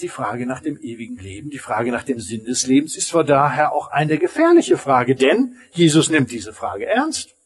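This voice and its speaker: A man preaching a sermon as pastor, emphatic, rising high and then falling almost silent. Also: husky.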